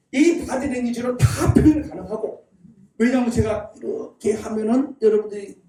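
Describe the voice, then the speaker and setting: A man with a high, mellow voice gives a public lecture in a church, folksy and chuckling as he goes. He keeps pulling the audience into call-and-response drills. The sound is roomy and echoey, picked up from some distance. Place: church hall. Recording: echoey hall, mic at a distance.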